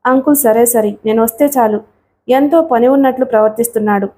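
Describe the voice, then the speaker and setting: A woman's voice: fairly high pitch, a little fast, mellow, lightly acted. A woman reading the lines of a lovesick young man who pleads and reproaches in an audiobook story. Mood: pleading.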